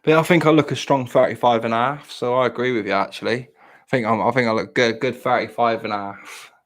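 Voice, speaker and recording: A man's voice: medium pitch, fairly even intonation, a little fast. Rambling man in his thirties. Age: 30s. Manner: rambling, self-mocking, restarts often. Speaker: podcast host. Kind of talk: casual chat.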